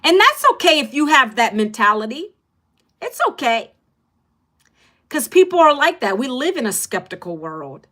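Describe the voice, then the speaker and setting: High bright energetic woman streaming. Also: normal speed. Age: middle-aged. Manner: energetic, emphatic, talks straight to viewers. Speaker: livestream host selling an online course. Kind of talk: casual livestream pitch.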